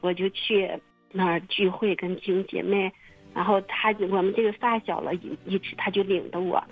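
A woman telling her own story in casual testimony, halting and repeating her words with many fillers. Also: mid-range voice, fairly even intonation, no room sound, soft background music. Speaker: testimony guest. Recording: muffled phone-line radio recording.

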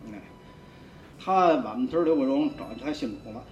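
A man's voice: on the high side, animated, a little fast. A man, giving a rambling, colloquial spoken testimony full of repeats and restarts. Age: 50s. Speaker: church member giving testimony. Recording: roomy, dull sound with faint music.

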